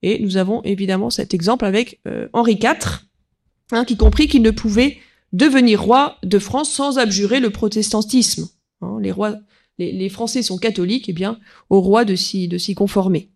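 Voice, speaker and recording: A woman giving an unscripted history lecture, pausing often and filling gaps with small verbal tics while she reads quotes aloud. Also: medium pitch, vocal fry, darkish tone. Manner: hesitant, peppered with "voilà" and "hein", reads quotes aloud.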